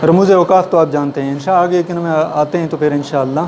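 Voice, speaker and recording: A man's voice: a little high, fairly even intonation, dull audio, background noise. Man lecturing a writing class. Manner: quizzes the class with questions. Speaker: writing teacher. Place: classroom with a board.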